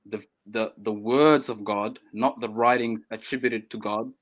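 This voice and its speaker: A man's voice: fairly low pitch, fairly even intonation, a little slow. Earnest man calling in on his phone. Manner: earnest, hesitant, with restarts. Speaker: caller on a debate stream. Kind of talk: casual debate chat. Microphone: phone mic.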